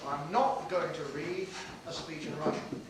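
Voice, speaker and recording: A middle-aged man, the father of the bride, giving a measured, joking wedding toast, heard on an old VHS home video. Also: fairly high pitch, steady tone. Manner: measured, joking formal delivery. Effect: old VHS home video tape. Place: large room at a wedding reception. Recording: echoey hall, far from the camera, hiss on the tape.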